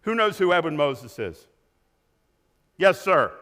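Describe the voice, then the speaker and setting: A man in his sixties giving an energetic motivational keynote in a large conference hall, asking the audience questions. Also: a little high, takes it slowly. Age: 60s. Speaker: keynote speaker.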